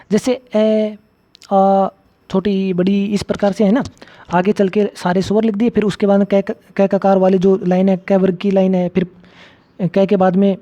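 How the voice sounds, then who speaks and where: A man's voice: high-pitched, warm tone. A man teaching a grammar lecture for exam students. He keeps asking the class questions and repeating his key points. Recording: slightly dull lo-fi audio.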